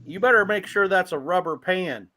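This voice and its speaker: Bright high-voiced folksy man. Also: normal speed. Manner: chatty, folksy, teasing. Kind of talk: casual chat.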